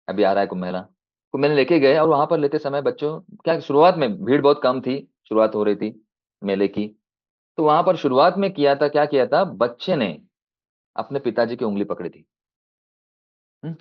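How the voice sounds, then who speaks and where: Man, devotional storyteller, swings high then soft and low, muffled lo-fi call audio. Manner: acts out a child and father in dialogue, rising high and dropping soft; mixes in English phrases. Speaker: devotional speaker. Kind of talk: storytelling sermon. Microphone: video call. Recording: dull lo-fi video call audio.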